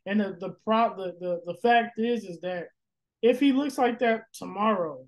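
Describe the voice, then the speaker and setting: Rambling high-voiced man on a sports podcast. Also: normal speed, low-quality recording. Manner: rambling, many fillers and restarts, profane. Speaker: podcast host. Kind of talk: casual sports podcast chat.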